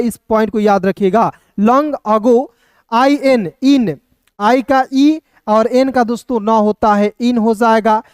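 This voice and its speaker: Male tutor, patient and repetitive, spells words out letter by letter; smooth resonant voice, dry recording. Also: extremely high pitch, no room sound. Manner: patient, repetitive, constantly addresses viewers as friends. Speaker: English teacher. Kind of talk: online phonics lesson.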